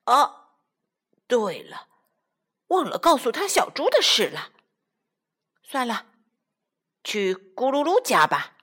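A woman voicing a greedy, forgetful male grey wolf in a children's storybook, with a hushed, whispery manner. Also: on the high side, very animated, slow, pauses often, husky, full character voice. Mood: musing.

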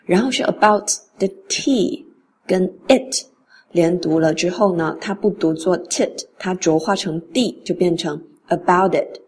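Slow-speaking woman teaching pronunciation. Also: lowish voice, darkish tone, breathy edge. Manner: slow, models English phrases then explains in Mandarin. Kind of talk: relaxed spoken lesson.

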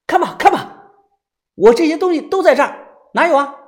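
A man voicing an excitable, defensive young man in an audiobook, shouting his innocence in a shrill voice. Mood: indignant. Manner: shrill, indignant, quick to shout. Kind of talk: audiobook character voice.

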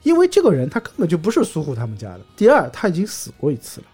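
Animated, husky male podcast host. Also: on the high side, very fast, faint music behind. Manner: storytelling, animated retelling with jokes. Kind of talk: casual chat about a classic novel.

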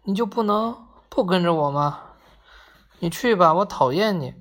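A woman's voice: fairly low pitch, expressive, measured pace. A woman voicing a grumpy man who is fed up with his own shadow, speaking in an annoyed, grumbling way. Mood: irritated.

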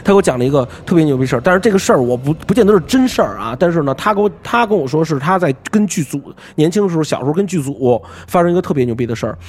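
Fast-talking man telling ghost stories. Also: fairly high pitch, husky. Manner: animated storyteller with lots of verbal fillers. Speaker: podcast host. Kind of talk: ghost story telling in casual chat. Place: small recording room.

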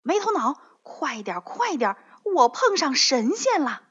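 A woman voicing a contrary, bossy schoolboy in a children's story, calling out loudly and urgently. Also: high-pitched, sing-song, a little slow, voice pushed up, heavily acted. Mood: urgent, excited. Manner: loud, urgent, demanding calls. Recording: dull lo-fi recording.

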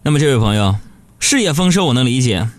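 A man's voice: medium pitch, sing-song, fast, no room sound. Teasing male radio host. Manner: chatty, teasing the listeners. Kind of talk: live comedic radio monologue.

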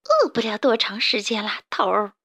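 Woman doing a dim, high-voiced rat henchman. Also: wildly swooping pitch, moderate pace, fairly bright tone, husky, no echo, studio quality, full character voice. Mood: eager. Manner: eager, silly. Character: dim-witted greedy male rat henchman.

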